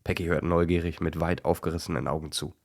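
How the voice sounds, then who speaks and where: A man narrating a children's animal story in a gentle, even storytelling manner. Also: sits low, fast talker, vocal fry.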